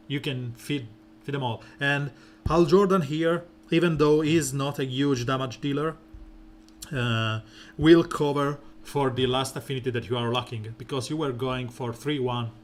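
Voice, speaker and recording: Over slight background noise, a man streaming a mobile game chats loosely about team strategy, using frequent fillers. His voice stays soft and smooth and sounds deep when he slows.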